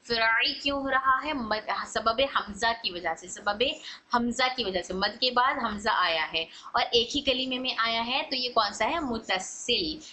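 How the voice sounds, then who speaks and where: A woman's voice: fairly high pitch, measured pace, bright, forceful tone, poor audio. A woman teaching an online recitation lesson, patiently explaining and repeating each rule.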